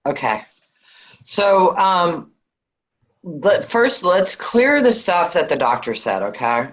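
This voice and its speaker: A woman's voice: fairly low pitch, big pitch swings, slow pace, poor audio. A woman hosting a spiritual healing session on a video call, soothing and affectionate, calling callers honey.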